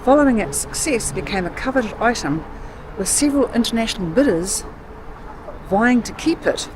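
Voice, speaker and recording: A woman's voice: on the high side, lively intonation, moderate pace. A woman with a New Zealand accent, a travel vlogger walking outdoors in a city, exclaiming in wonder between sightseeing facts. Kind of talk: casual travel vlog narration. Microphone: handheld action camera or phone. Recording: noisy outdoor city sound.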